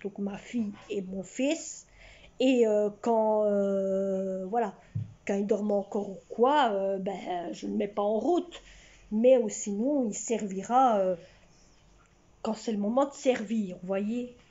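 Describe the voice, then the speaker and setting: A woman's voice: mid-range voice, slow, mellow, dull audio. A woman, chatting to her camera at home in a rambling way that often repeats itself. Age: 60s. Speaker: vlogger. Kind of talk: casual chat to camera. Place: at home, indoors. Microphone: camera in front of her.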